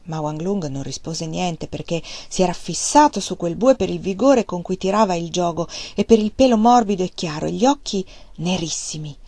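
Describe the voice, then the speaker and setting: A woman reading a novel aloud in an expressive, dramatic audiobook style. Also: on the low side, moderate pace, hardly any pauses, no echo. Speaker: audiobook reader.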